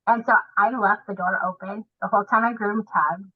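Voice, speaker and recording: A woman's voice: medium pitch, steady tone, fairly quick, slightly rough, narrow, tinny audio. A woman guest on a podcast chatting casually about grooming dogs, telling her stories animatedly and acting out the voices of the people she quotes. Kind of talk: casual storytelling chat.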